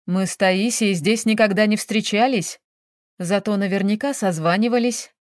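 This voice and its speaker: A woman's voice: medium pitch, moderate pace, no room sound, studio quality, natural voice. Woman voicing a flustered businessman. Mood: defensive. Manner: agitated, blustering, whining. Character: flustered middle-aged male businessman.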